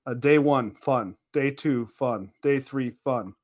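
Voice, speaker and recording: A man co-hosting a podcast, chatting casually with many ums, trailing off softly. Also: mid-range voice, slow, dull audio. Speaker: podcast co-host. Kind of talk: casual chat.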